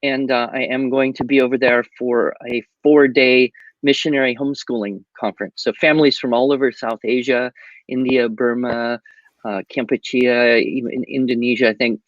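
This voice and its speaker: On a video call, a guest speaker trades casual interview chat, joking wryly and wandering off on tangents. He has a mid-range voice with a steady tone and normal speed, heard in lo-fi sound with no echo.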